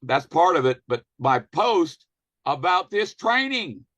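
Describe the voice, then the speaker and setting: A man's voice: fairly high pitch, very animated, slow pace, fairly bright tone, muffled recording. A man hosting a weekly business training call, talking emphatically and firing rhetorical questions and commands at listeners. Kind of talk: motivational business training talk.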